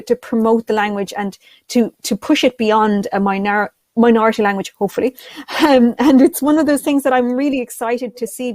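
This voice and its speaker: Over a video call mic, a young content creator on a panel talks enthusiastically, full of fillers and restarts. Her voice is fairly high-pitched yet darkish in tone, with no echo.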